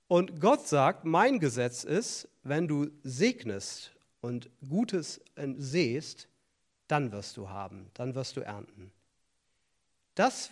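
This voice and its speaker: A middle-aged man delivers a sermon in a fairly high voice. He is earnest and insistent, breaking off for joking asides and restarting his sentences. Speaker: preacher. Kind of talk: sermon on tithing and offerings.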